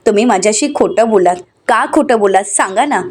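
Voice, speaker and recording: A woman's voice: medium pitch, a little fast, a little mellow, breathy edge, close to an everyday voice. A woman voicing a grieving, devoted middle-aged mother who speaks insistently and pleads.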